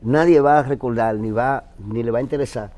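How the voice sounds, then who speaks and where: A man's voice: medium pitch, brisk, darkish tone. A Dominican man on a panel, earnestly jumping in to make his point. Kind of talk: panel discussion.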